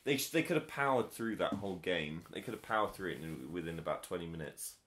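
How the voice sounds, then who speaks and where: A man's voice: sits low, expressive, fast, a bit bright. A man co-hosting a casual film podcast, teasing, laughing often and arguing his points. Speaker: podcast co-host.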